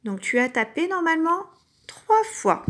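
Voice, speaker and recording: A woman teacher giving a recorded lesson to young children, speaking patiently and sounding out each syllable clearly. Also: very high-pitched, big pitch swings, measured pace, a bit bright. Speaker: kindergarten teacher.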